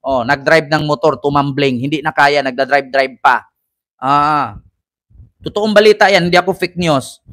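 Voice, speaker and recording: A man's voice: on the high side, moderate pace, fairly bright tone. A man hosting casual political commentary, rambling and mocking, and mixing English phrases into his talk.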